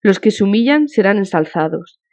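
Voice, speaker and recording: A woman's voice: medium pitch, lively intonation, moderate pace, a little mellow, close to an everyday voice. A woman reading an audiobook, voicing a devout countess who speaks in a fervent, consoling, emotional way, on a dull lo-fi recording.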